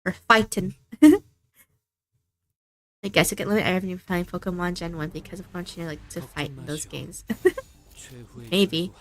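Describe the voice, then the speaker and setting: A woman's voice: on the low side, fairly even intonation, fairly quick. A woman streaming a game, chatting casually and giggling often. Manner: giggly, chatty, self-mocking.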